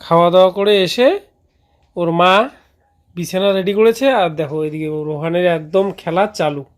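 A man's voice: sits high, steady tone, moderate pace. A man in casual family chat at home, teasing his small son. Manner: teasing, talks to the child.

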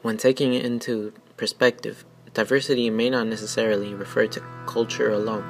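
A man narrating a school news report in a measured, formal, scripted way. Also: lowish voice, level tone. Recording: voice-over under loud music.

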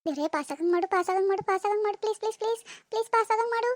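A woman's voice: very high voice, very fast, no room sound, clean studio sound. A woman voicing an anxious teenage village girl in a cartoon, pleading in a rural Karnataka Kannada accent. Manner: pleading, repetitive, dramatic. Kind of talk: cartoon voice acting.

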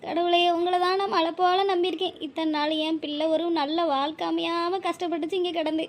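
A woman's voice: extremely high pitch, little pitch movement, a little fast, slight background noise. A woman voicing an anxious, tearful elderly mother in a cartoon, speaking with a pleading, emotional manner. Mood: tearful prayer. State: crying. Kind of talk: cartoon voice acting.

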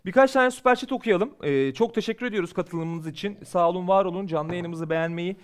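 A man's voice: high-pitched, fairly quick. A man co-hosting a post-match football talk show, agreeable, reading viewer messages. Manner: agreeable, reads viewer comments aloud. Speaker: co-host football pundit. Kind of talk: casual post-match chat. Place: studio.

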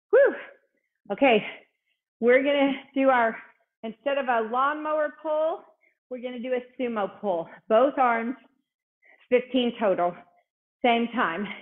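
A breathless woman fitness instructor leads a workout, cheering people on and counting reps in a slightly high voice. She speaks slowly and takes her time between cues. The sound is thin and tinny, as if heard over a phone line. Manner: upbeat, encouraging, counts reps aloud. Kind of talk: coaching a live workout.

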